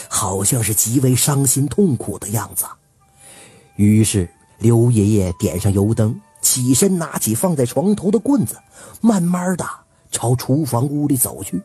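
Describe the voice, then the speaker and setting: A man telling a spooky folk tale, dramatic and swinging between hushed and loud. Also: mid-range voice, slightly rough. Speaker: storyteller.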